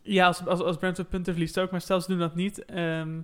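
A man hosts a casual football podcast in a brisk, jokey manner. His voice sits high for a man and he talks fast. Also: flat delivery. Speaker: podcast co-host.

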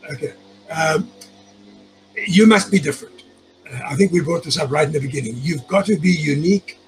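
Gravelly, fairly high-pitched male guest. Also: a little fast, slight background noise, low-quality recording. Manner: storytelling, chuckles often, repeats words when starting sentences. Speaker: guest, sales expert. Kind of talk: conversational interview.

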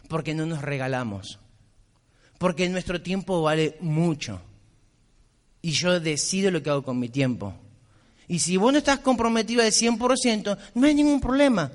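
A man, a business mentor giving a blunt, insistent motivational speech. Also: a little high. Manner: blunt, insistent, repetitive exhortation. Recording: long reverb of a hall.

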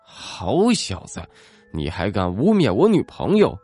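A man's voice: lowish voice, huge pitch swings, a little slow, dark tone, slightly rough, faint music behind, heavily acted. A man playing an arrogant, hot-tempered school bully who blusters and threatens. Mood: menacing.

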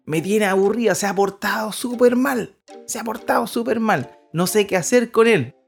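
A fed-up, complaining mother, as a man puts her on for a parenting podcast, voice pushed higher than his usual speech. She sounds raised and exasperated, with faint music underneath. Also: very slow.

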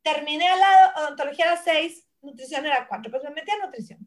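A woman's voice: sits high, fast. A woman in her forties from Mexico, a nutritionist guest telling family stories in casual conversation and acting out relatives' voices. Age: 40s. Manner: animated storyteller who acts out family voices. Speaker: guest, nutritionist and brand founder.

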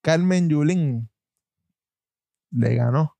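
A Puerto Rican man with a somewhat high voice banters and mocks in loose, joking chat. The sound is dry and close, with no room around it. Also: drawn-out words, vocal fry, dark tone, dry recording. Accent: Puerto Rican Spanish. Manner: joking, mocking, laughs often. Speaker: podcast co-host. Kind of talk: casual banter.

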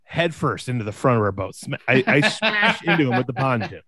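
A young man co-hosting a casual chat, telling a story in an animated way and jumping high in pitch when he quotes people. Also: fairly quick, a loud crowd. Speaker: podcast co-host.

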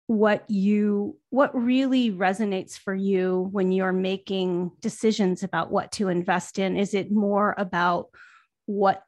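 A woman's voice: medium pitch, a little mellow, no room sound. A woman co-hosting a podcast interview, affirming the guest and thinking aloud with small restarts. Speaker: podcast co-host.

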